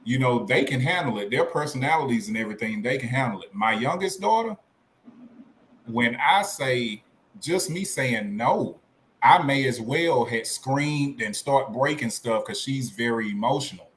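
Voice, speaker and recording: A man's voice: medium pitch, lively intonation, normal speed, fairly bright tone, a little hiss or hum. A man hosting a casual podcast chat, easygoing, with self-mocking humor. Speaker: podcast host.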